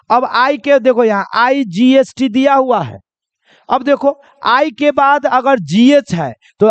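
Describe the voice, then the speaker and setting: A very high-pitched male teacher leads his class through pronunciation drills, asking each question aloud and then answering it himself. His voice is smooth and clear. The recording is dry and a little dull. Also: no room sound. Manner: repeats questions and answers them himself, coaxing; addresses students as children. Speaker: English teacher. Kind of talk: spoken English lesson.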